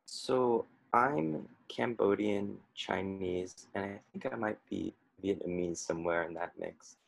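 A young man from Oregon speaks as a panel guest, hesitant and full of pauses. His voice is very low and gravelly. The sound is dry and close. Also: no echo, rough recording. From Oregon, United States. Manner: hesitant, many pauses and ums. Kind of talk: casual chat.

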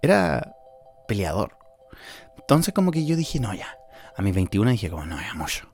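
His voice mid-range, gravelly, and a little mellow with big pitch swings at a normal speed, a young Chilean-accented podcast host in his early twenties speaks candidly about stress and anxiety. The casual monologue has faint music behind it, and he shifts between laughter and tears.

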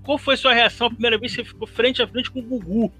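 A man in casual conversation, quick and eager when asking questions. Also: extremely high pitch, fairly even intonation, bright, forceful tone, soft background music, poor audio. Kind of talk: casual chat.

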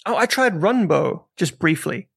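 A man co-hosting a gaming podcast, speaking with a fairly high voice and a gravelly, fry-laden edge. He chats casually, with dry, deadpan wit. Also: unhurried. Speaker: podcast co-host. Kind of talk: casual chat.

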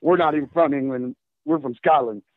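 A man's voice: medium pitch, a little fast, dry recording. A male caller from Washington State, talking over the phone on a call-in show, fired up and rambling with lots of fillers. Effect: phone line. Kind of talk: casual call-in talk. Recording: tinny dry phone line.

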